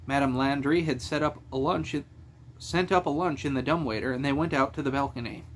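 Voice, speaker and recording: A man narrating a fantasy novel chapter with steady, even delivery. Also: mid-range voice, brisk, slight background noise. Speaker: audiobook narrator. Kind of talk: fan audiobook reading.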